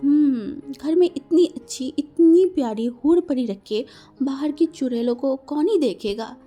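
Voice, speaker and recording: A woman's voice: high voice, measured pace, warm tone, faint music behind, voice pushed up. A woman voicing a gossipy, teasing young male omega student in a fan-fiction reading.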